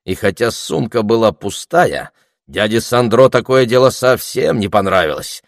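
A man narrating an audiobook in a calm, even storytelling manner. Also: lowish voice, moderate pace, gravelly, dry recording, studio quality. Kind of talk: scripted narration.

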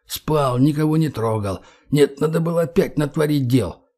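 Мужчина озвучивает ворчливого бородатого напарника, глуховатый, тёмный голос. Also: male voice, on the high side, normal speed, darkish tone, natural voice. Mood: grumbling. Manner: grumbling, complaining. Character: grumpy bearded male comrade, shaken and sulky.

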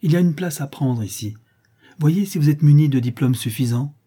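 A man's voice: a little high, animated, fairly quick, warm tone, slightly rough, voice pushed up. A man reading aloud and voicing a proud young aristocratic girl who speaks in a mocking, theatrical tone.

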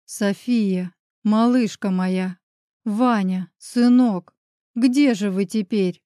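A woman's voice: mid-range voice, dark tone, dry recording, studio quality, close to an everyday voice. A woman reading as a shaken young father. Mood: overwhelmed. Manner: slow, emotional, halting.

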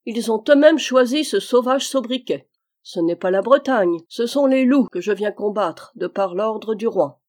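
A woman's voice: on the high side, a little slow, darkish tone. A woman reading the part of a frank, cheerful young army captain in an audiobook.

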